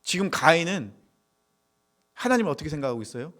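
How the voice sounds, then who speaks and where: A man preaching a sermon to high school students, asking questions and answering them himself, sometimes dropping to a whisper. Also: big pitch swings, fast talker, a bit bright. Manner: asks the audience questions and answers them, drops to a whisper on key points. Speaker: youth pastor.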